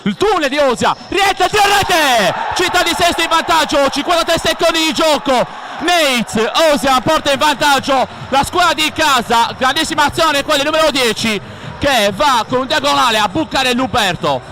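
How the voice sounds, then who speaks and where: A high-pitched male futsal commentator calls a goal in an excited, breathless rush. He delivers live play-by-play over faint sports hall noise. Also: moderate pace. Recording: noisy sports hall ambience.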